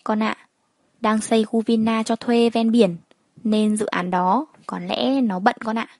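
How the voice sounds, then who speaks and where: A woman voicing a caring middle-aged mother who speaks gently and coaxingly. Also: fairly high pitch, fairly even intonation, a little slow, dry recording.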